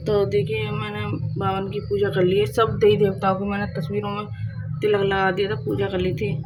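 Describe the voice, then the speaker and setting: A young woman with a hoarse, sore-throated voice chatting casually to her viewers at home, rambling with restarts. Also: medium pitch, completely flat delivery, a little fast, music in the background, low-quality recording. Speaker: vlogger. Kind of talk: casual vlog chat to viewers. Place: home, indoors.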